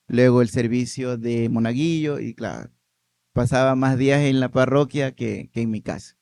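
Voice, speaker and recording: A man, a priest, telling his personal story in a podcast interview, with animated storytelling and light laughs. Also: mid-range voice, smooth, dry recording.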